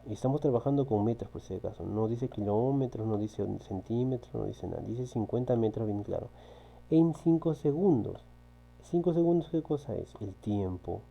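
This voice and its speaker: A man's voice: medium pitch, normal speed, vocal fry, mellow, poor audio. Patient male physics teacher. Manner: patient, repeats key points, asks "¿sí?" to check understanding. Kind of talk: recorded online class walking through exercises. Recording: faint electrical hum.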